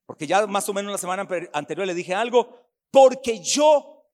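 Male pastor from Costa Rica, high voice, fiery sermon delivery with shouted sung peaks, long church reverb. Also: fast talker. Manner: fiery preaching with sung, shouted swells and quiet asides. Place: church hall.

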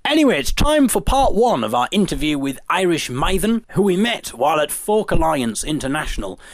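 A man hosting a podcast, chatting casually in a rambling, thinking-out-loud way. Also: on the high side, sing-song, a little fast. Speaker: podcast host and interviewer.

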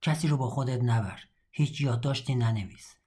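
A husky, grainy-voiced middle-aged prisoner, read by a man in an audiobook, talking in a blunt, mocking, matter-of-fact way. He sounds cynical and scarred, and lays out grim advice flatly, without softening it. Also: mid-range voice, lightly acted. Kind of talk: audiobook dialogue reading.

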